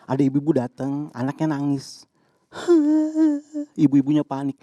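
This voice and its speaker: A man's voice: fairly high pitch, big pitch swings, unhurried, dark tone, dry recording. A male comedian doing a punchy stand-up set, acting out characters in his bits.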